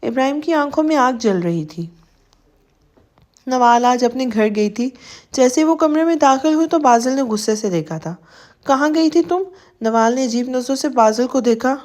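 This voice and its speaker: A woman narrates a romance novel in steady, scripted storytelling. Her voice sits fairly high and has a mellow, dark warmth. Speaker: audiobook narrator.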